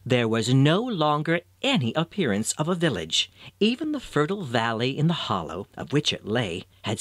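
A man narrating a classic storybook tale with an expressive, storytelling manner. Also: mid-range voice, no room sound.

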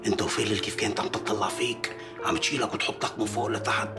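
A man's voice: fairly low pitch, fairly even intonation, rapid-fire, lightly acted. A man in a dubbed TV drama, talking earnestly and pleading. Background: music score.

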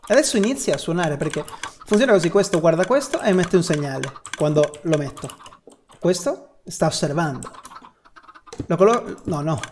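A chatty young gaming YouTuber with a fairly high voice gives a casual spoken Minecraft building tutorial from a small room at home, repeating himself and muttering mild swear words. The noisy home recording has clear background noise, including keyboard and mouse clicks.

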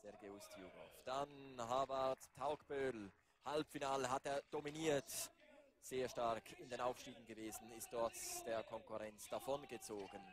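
A man doing live race commentary, building to excited calls near the finish. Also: medium pitch, a little slow, a crowd in the background. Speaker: sports commentator.

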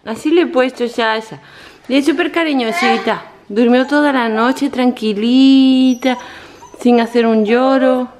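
Brief: woman, home vlogger, lively high-pitched baby talk, phone recording, faint hiss. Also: a little slow. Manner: gushing baby talk to pets and child. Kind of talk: casual home vlog. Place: home living room.

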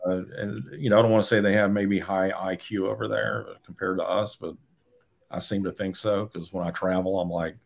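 This is a low-pitched, creaky male voice with a flat, brisk delivery. He's a photographer in his forties from Georgia, USA, appearing as a guest on a video call and captured by a webcam in a home room. He chats casually, his storytelling blunt and laced with curses.

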